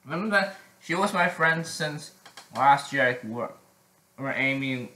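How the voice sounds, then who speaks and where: A teenage boy chatting casually in a vlog, halting with many restarts and frequent throat clearing. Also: medium pitch, lively intonation, sharp tone, roomy sound, poor audio. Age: teens. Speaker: vlogger.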